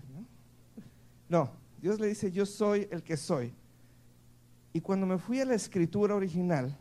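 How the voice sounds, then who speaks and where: A pastor with a Mexican accent preaches a sermon at a church service, speaking conversationally and repeatedly checking in with the congregation. He's playful and laughs between points, and his voice is fairly high with a warm tone.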